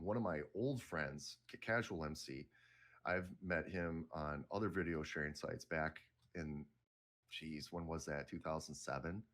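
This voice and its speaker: Deep-voiced rambling middle-aged man. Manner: rambling, self-correcting, laid-back. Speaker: guest. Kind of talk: casual interview talk.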